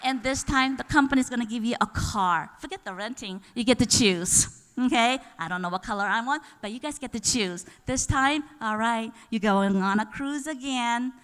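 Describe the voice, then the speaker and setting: A woman with a slightly high, clean-toned voice speaks at a moderate pace during a live sales seminar, presenting with enthusiasm that rises to excited bursts. She's chatty and often puts questions to the audience, and the hall is reverberant.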